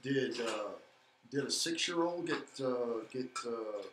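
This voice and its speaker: A man's voice: mid-range voice, expressive, slow. A man co-hosting a local civic live stream, talking earnestly to viewers with hesitant fillers and a frequent "okay?". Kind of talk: casual talk, addressing viewers. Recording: echoey room with faint background noise.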